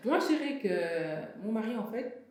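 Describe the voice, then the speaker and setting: A woman's voice: mid-range voice, moderate pace, a little hiss or hum. Young woman, frank, echoey and distant. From Senegal and Benin. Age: young adult. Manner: frank, animated, many hesitations. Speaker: guest, fashion entrepreneur. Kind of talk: casual interview talk. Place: studio. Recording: very echoey room, distant mic.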